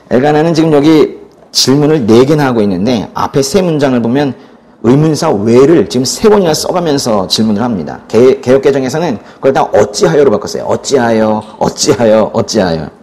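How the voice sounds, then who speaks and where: Animated male pastor preaching a sermon. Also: medium pitch, fairly quick. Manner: animated storytelling, acts out quoted lines, asks the congregation questions.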